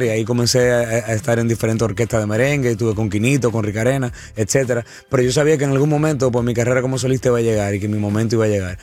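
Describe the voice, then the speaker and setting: A man's voice: mid-range voice, darkish tone. A man, a singer, chatting eagerly in an interview, often repeating and restarting words. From Dominican Republic. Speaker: singer guest. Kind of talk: casual interview chat.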